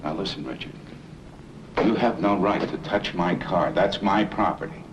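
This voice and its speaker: A middle-aged actor playing a firm, lecturing husband who turns fretful when pressed, in hissy 1970s TV film audio. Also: male voice, sits low, moderate pace, muffled recording, lightly acted. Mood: stern. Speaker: homeowner and husband.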